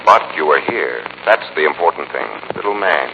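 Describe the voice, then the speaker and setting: An actor playing a mysterious, menacing crime-fighting avenger in 1940s radio mystery style, theatrical and commanding in delivery. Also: male voice, extremely low pitch, lively intonation, moderate pace. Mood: taunting. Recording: muffled, noisy 1940s radio recording.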